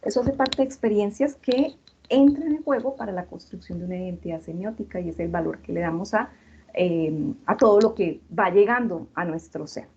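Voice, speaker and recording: Lecturer, Colombian woman with a Santander accent, mellow voice, teaching in a patient explanatory tone over a dull video call. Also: medium pitch, normal speed, slightly rough. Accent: Santander Colombian Spanish. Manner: explanatory, asks rhetorical questions. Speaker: university lecturer. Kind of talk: online class lecture.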